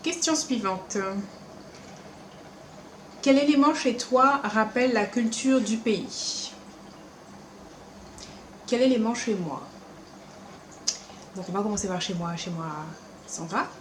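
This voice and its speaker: A young Paris-born woman, also raised in Martinique, speaks French with a Caribbean lilt blended with Paris speech. As a beauty vlogger chatting casually to camera, she talks at a middle pitch, quick and animated, with playful asides and acted-out quotes. She's in a room at home that sounds echoey, with a faint background hum.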